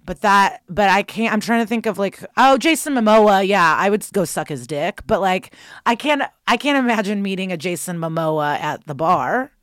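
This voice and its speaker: A woman's voice: mid-range voice, animated, normal speed, dry recording, studio quality. A woman co-hosting a podcast, talking candidly and loosely with lots of "like" and "um". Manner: candid, chatty, full of fillers. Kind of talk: casual chat.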